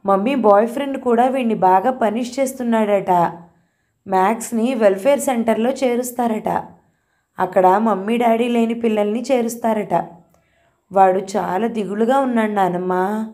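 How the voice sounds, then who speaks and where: A woman's voice: fairly high pitch, moderate pace, dark tone, natural voice. A woman doing a tearful young schoolboy. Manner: childlike, mixing English words into speech.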